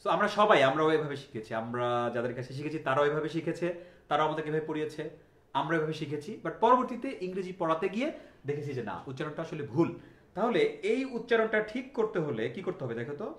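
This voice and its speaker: A man from Bangladesh teaches a class, with a voice that sits high for a man. He drills sounds over and over and keeps quizzing his students. The room is echoey. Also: expressive, quick pace, a bit bright. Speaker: English teacher. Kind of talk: classroom lesson.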